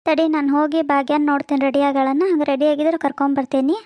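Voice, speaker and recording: A woman's voice: high-pitched, flat delivery, fast, a little mellow, no room sound, studio quality. A woman with a North Karnataka accent voicing chatty, homely village family talk for a cartoon comedy. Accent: North Karnataka Kannada. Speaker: cartoon voice artist.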